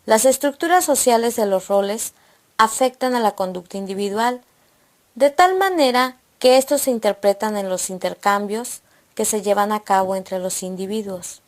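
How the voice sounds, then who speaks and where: A woman narrating a scripted educational lesson, reading points aloud in a steady, listing manner. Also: mid-range voice, normal speed. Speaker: presenter of an educational video.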